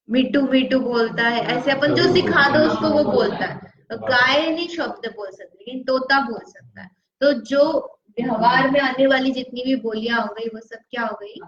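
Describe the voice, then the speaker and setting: A woman with a fairly high voice teaches a scripture lesson. She keeps putting questions to her listeners and then answers them herself. The sound is roomy and dull, like an old lo-fi recording. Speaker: religious teacher. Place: studio.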